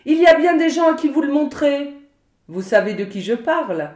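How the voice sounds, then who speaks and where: Un homme austère qui interroge sans détour, prêté par une lectrice. Il met en garde avec fermeté, sur un ton grave et mesuré. La prise de son est très réverbérée. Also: female voice, sits high, sing-song, moderate pace, darkish tone, voice pushed up. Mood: stern. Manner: firm, admonishing. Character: stern adult man, blunt and questioning. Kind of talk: audiobook reading. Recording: roomy echo.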